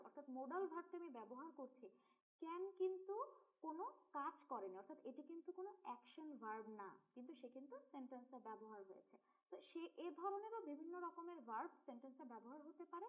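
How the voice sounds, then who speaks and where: A woman's voice: sits high, very animated, fairly quick. A young woman with a Bangladeshi Bengali accent teaching English grammar in an online lesson. She explains step by step, mixes English terms into her Bengali and talks straight to her students.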